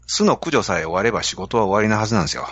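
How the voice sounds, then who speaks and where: Kansai guy on a podcast, lively storyteller voice, low and a bit husky, sounds kinda dull. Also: very fast, no room sound. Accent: Kansai Japanese. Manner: animated storytelling, explaining a business idea. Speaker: podcast host. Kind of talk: casual podcast talk.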